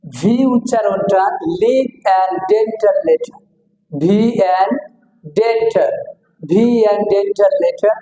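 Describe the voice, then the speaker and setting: A Bangladeshi man teaches English letters, slowly repeating each sound as a drill. His voice is dark and mellow, and it rings out in a roomy hall with a long reverb. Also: sits high, big pitch swings. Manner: slow, repeats words several times for drill. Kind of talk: lecture on pronunciation.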